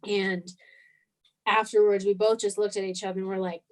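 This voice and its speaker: A woman in her twenties, a guest on an interview, recounting a story in a casual, animated way and acting out the lines people said. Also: mid-range voice, moderate pace, rough recording. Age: 20s. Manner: animated, acts out quoted dialogue. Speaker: guest missionary.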